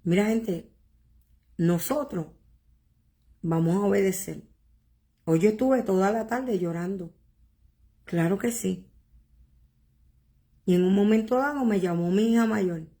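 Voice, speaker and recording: A woman pastor preaching a sermon, earnest and emotional, asking rhetorical questions and repeating words with pauses. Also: medium pitch, mellow. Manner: halting repetitions and pauses.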